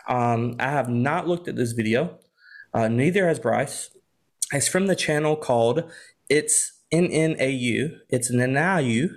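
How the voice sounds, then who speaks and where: A man's voice: medium pitch, a little slow. A young man co-hosting a casual podcast chat, laughing often and filling his talk with "like.". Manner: laughs often, chatty with frequent "like" fillers. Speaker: podcast co-host.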